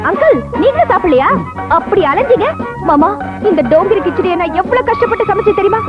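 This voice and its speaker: A woman playing a young daughter-in-law who coaxes her in-laws to eat, in a high, sing-song voice. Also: lively intonation, a little fast. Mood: coaxing. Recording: dull lo-fi film soundtrack with loud music.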